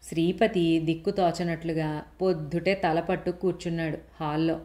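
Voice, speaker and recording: A woman narrating a story in a steady, expressive reading voice. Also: sits low, normal speed.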